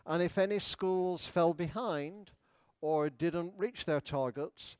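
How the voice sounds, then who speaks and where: A man giving a conference keynote in a large hall, explaining in a measured lecturing manner. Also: fairly high pitch, clean tone. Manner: playful, leads audience in exercises. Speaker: education speaker.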